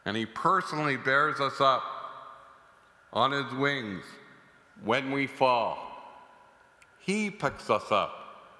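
Forceful priest in a cathedral-like echo. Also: male voice, mid-range voice, lively intonation. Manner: deliberate, measured, solemn proclamation with pauses. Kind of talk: scripture reading and homily. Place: large church interior. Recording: echoey church with long cathedral-like reverb.

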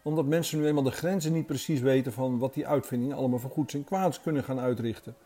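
A man's voice: mid-range voice, steady tone, fast, warm tone, natural voice. A man voicing a talking male deer in a storybook, who speaks earnestly and urgently as a messenger.

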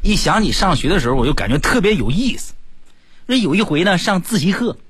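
A comedian telling funny stories in an animated comic monologue, stammering now and then. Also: male voice, sits high, a little fast, breathy edge, no echo.

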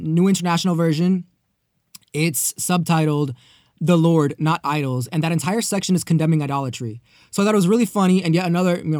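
Male talk show host, relaxed upbeat delivery, dry sound. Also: a little high, no echo. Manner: casual, upbeat, uses slang. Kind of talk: casual talk show monologue.

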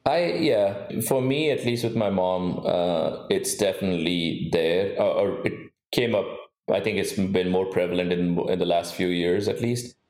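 A man's voice: low-pitched, moderate pace, few pauses, a little mellow. A man from India co-hosting a casual podcast chat, earnest and advising, with many fillers. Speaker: podcast co-host. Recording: roomy echo.

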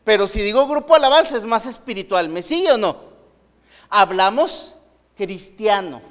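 A man's voice: high voice, long reverb tail. A man preaching a sermon in a conversational manner, often asking the congregation rhetorical questions. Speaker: pastor.

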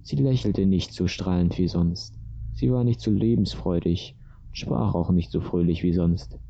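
A man reading a story aloud as narrator in a steady, even way, on a dull lo-fi recording. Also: sits low, normal speed, vocal fry, no room sound.

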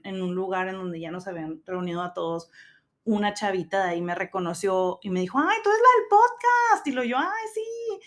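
A woman in her thirties with a Mexican accent, hosting a podcast and telling a story in casual chat, slangy and swearing freely while acting out quotes. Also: on the high side. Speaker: podcast host.

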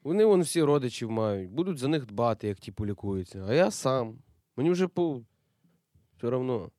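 A man's voice: mid-range voice, very animated, normal speed, a little mellow, no echo, studio quality, natural voice. A man playing a wounded soldier who talks back brusquely, slangy and dismissive. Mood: defiant. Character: young cynical wounded soldier, defiant, loner.

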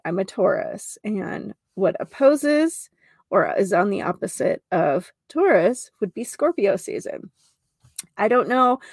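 An American woman with a slightly high voice hosts a casual spiritual show in a gentle mystical healer manner. She speaks slowly, gushing and stretching the words she stresses. The sound is dry and close, with little room in it. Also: no echo. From North Dakota, United States.

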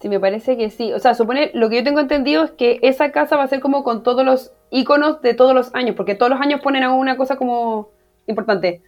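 A Chilean woman co-hosting a relaxed chat, talking fast with a slightly high voice. She keeps the talk moving with short agreeing replies. Soft music plays faintly underneath. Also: highs cut off. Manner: quick, agreeing backchannels. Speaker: podcast co-host. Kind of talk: casual chat.

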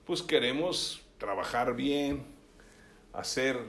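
A man's voice: medium pitch, animated, slow, fairly bright tone. A male preacher giving a sermon, reading scripture aloud and often checking in with his listeners. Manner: keeps asking the listeners "¿sí?"; reads scripture aloud with emphasis.

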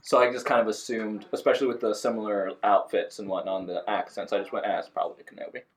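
A young man with a somewhat low voice, chatting casually with friends and quick to crack a joke. He keeps the talk moving with quips and easy laughter. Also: slightly rough. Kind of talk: casual group chat.

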